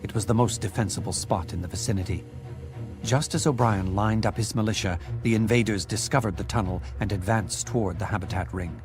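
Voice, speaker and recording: A man with a low voice narrates an audiobook in a measured, dramatic style, with loud music playing behind him the whole time.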